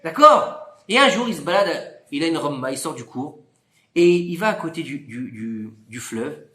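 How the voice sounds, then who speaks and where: A man's voice: moderate pace, echoey room. A man teaching a Torah class, telling a story and acting out its dialogue. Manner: animated, acts out dialogue with big pitch swings. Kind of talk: lively storytelling Torah lesson.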